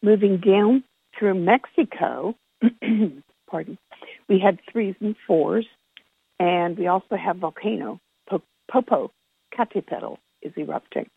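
Over a tinny, echoing conference call line that sounds like a telephone, someone delivers an informal report from notes, chatting and correcting themselves as they go. The voice is mid-range, creaky and husky, and the pace is slow.

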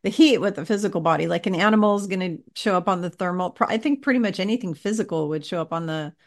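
A woman's voice: fairly low pitch, quick pace. Chatty woman who chimes in. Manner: chatty, chimes in to finish sentences. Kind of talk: casual conversation.

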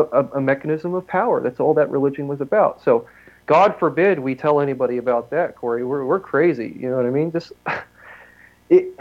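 Rambling, profane man on a lo-fi show. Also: on the high side. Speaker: podcast co-host. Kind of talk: casual profane talk show rant.

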